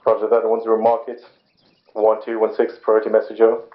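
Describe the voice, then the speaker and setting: A man's voice: lowish voice, monotone, quick pace. A man talking like a squad leader over military radio in a game, in clipped procedural phrases with some hesitation. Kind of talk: military radio procedure during online gaming. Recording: muffled roomy game voice chat.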